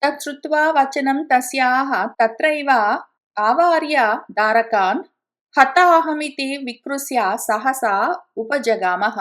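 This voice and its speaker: A woman with a notably high voice gives a verse-by-verse commentary on an ancient epic. She chants each Sanskrit line slowly, then unpacks it emphatically, slipping English words into her speech. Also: fairly bright tone. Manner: emphatic storytelling. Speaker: scripture teacher.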